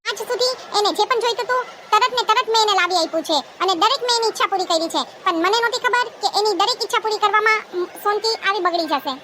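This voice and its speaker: A woman's voice: very high-pitched, quick pace, few pauses. A woman voicing a kind, regretful elderly mother-in-law in a cartoon, tender and apologetic. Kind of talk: cartoon voice acting. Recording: noisy background hiss.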